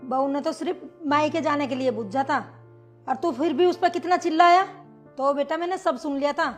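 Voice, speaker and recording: A high-voiced middle-aged mother who scolds her hot-tempered son while standing up for her daughter-in-law, played by a woman. She reasons with him patiently. Soft music plays faintly underneath. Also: moderate pace, lightly acted. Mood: calm. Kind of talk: family drama short.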